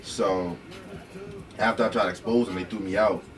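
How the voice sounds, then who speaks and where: Deep-voiced young man, loose and slangy. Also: fairly even intonation, moderate pace, crowd noise. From Reading, Pennsylvania. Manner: loose, slangy, profane, rambling. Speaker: guest, show creator. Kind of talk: casual chat. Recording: distant mic with music playing.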